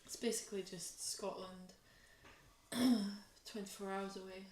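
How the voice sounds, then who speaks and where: A woman's voice: medium pitch, steady tone, unhurried, darkish tone. Young woman, casual chat, roomy echo. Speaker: vlogger reading questions in a couple's Q&A. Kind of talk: casual couple chat, bantering. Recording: echoey room, distant microphone.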